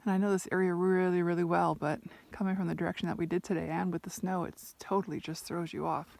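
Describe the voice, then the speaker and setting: A woman's voice: fairly low pitch, little pitch movement, fast talker, creaky, darkish tone, dry recording. A woman chatting casually while riding, laughing often and talking to her horse, outdoors on open range. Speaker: ranch rider vlogger. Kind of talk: casual outdoor vlog chat.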